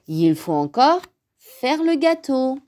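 A woman voicing a big, patient father bear in a storybook reading, who grumbles and sighs but stays gentle. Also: high voice, very animated, slow pace, pitched above the performer's own voice, heavily acted. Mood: grumbling. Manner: sighing, grumbling, then gentle.

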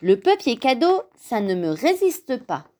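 A woman voicing an eager, excitable little male bear cub in a storybook reading, with a high, impatient, squealing voice. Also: unhurried. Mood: excited, impatient.

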